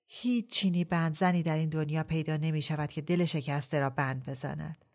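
Woman reading as a sad poetic guy dodging the question, low wistful voice, audiobook. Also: fairly even intonation. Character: melancholy poetic young man, evasive.

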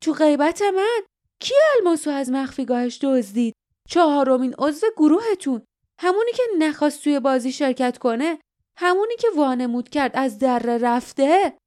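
A woman's voice: sits high, lively intonation, voice pushed up. A woman voicing a scheming, greedy male guardian who mocks and snaps at his rivals in an audiobook. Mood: scornful. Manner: mocking, snapping retorts.

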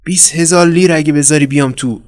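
A man's voice: on the high side, pitched above the performer's own voice, close to an everyday voice. A man reading a storybook voices a hunted middle-aged man who pleads urgently for shelter, out of breath. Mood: pleading.

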